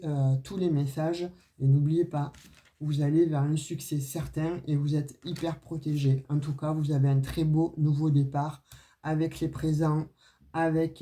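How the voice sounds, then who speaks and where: In a low, mellow voice, a woman with a regional French accent, not a Parisian one, reads tarot and oracle cards in a relaxed way. Her talk is chatty and directed at viewers, with frequent "euh" and "hein" fillers.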